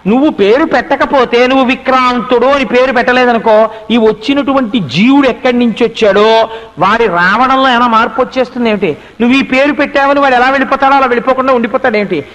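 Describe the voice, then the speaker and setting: A man delivers a spiritual discourse in a very high voice, retelling a story and pausing to put questions to his listeners. His voice rings with a long reverb from a large hall. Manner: animated storyteller, rhetorical questions to the audience.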